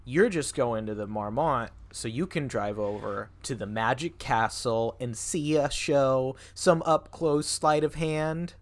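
A man's voice: mid-range voice, a little slow, few pauses. A man guesting on a casual comedy podcast, playfully spinning jokey theories.

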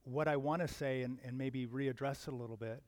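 A man in his fifties preaching a sermon in an earnest, conversational way, with sudden loud emphatic swells. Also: medium pitch, fairly even intonation, fairly quick, no room sound. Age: 50s. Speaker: pastor.

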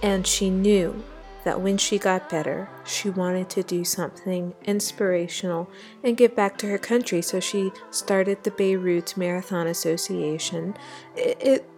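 A woman's voice: on the low side, steady tone, unhurried, darkish tone, soft background music. A woman host introducing her guest in an upbeat, encouraging way and then asking her questions. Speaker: interviewer and host.

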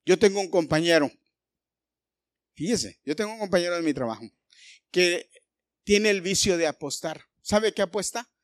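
A male pastor preaching a sermon, animated and full of rhetorical questions aimed at the congregation. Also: high voice, moderate pace, long pauses, no room sound, studio quality.

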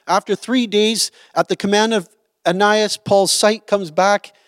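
A man's voice: sits high, steady tone, measured pace, no room sound, clean studio sound. A man teaching a Bible study, explaining a passage in a conversational way and often checking in with "right?".

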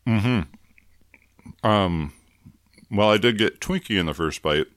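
A man's voice: lowish voice, expressive, slow pace, fairly bright tone, no room sound, studio quality. A man co-hosting a casual food-tasting show, joking in a mock-formal way and talking with his mouth full. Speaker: co-host.

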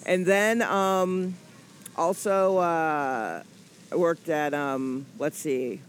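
Very slow and low-pitched, a woman in her forties from Atlanta, in the American South, jokes her way through a casual interview as a comedian guest. Her talk rambles and is full of fillers, with a faint hiss or hum behind it.

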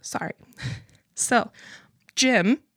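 Studio quality with no room sound, this clip has a young adult woman hosting a podcast and telling a story very slowly. Her voice is on the high side and a bit bright. The chat is casual and rambling, loaded with profanity and laughs.

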